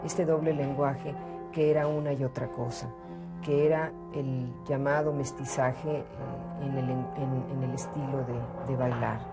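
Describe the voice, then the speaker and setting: A Mexican woman with a strikingly low voice talks reflectively about her dancing, pausing and restarting as she hunts for the right words. Loud music plays behind her throughout. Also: steady tone. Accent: Mexican Spanish. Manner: thoughtful, searching for words with repeated restarts. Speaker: dancer and choreographer. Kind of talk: reflective interview answer.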